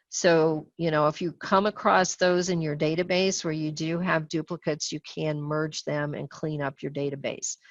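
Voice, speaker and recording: A woman guides viewers through software steps in a patient, unhurried way, pausing often with small fillers. Her voice sits fairly low, and the sound is dry and a little dull, like webinar audio. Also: no room sound. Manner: patient, step-by-step with frequent fillers. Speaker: software trainer. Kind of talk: screen-share webinar tutorial.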